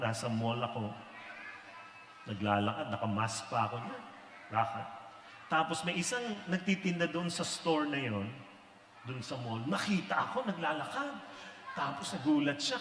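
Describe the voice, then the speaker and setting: A man's voice: high voice, pushed and bright. A middle-aged man preaching a humorous sermon, mixing in English and acting out stories with playful asides. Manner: mixes Filipino and English, jokey, acts out quotes. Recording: echoey hall with faint ambience.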